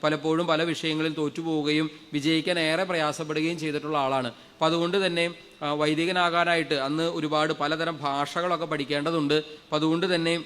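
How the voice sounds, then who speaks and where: Fast-preaching priest in a reverberant hall. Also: male voice, fairly high pitch. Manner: fervent, leads congregation in loud hallelujahs. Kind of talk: sermon storytelling.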